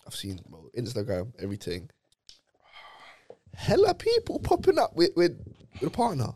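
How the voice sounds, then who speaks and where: A man's voice: medium pitch, moderate pace, slight background noise. A young man, co-hosting a casual podcast chat, telling stories in slang and laughing often. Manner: laughing, slangy, animated storytelling. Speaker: podcast co-host.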